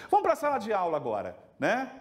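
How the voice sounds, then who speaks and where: A middle-aged man lecturing teachers at an event, animated and acting out little scenes with his students. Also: sits high, fast talker. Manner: animated, acts out dialogue with students. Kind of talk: lively talk to a live audience. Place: event hall.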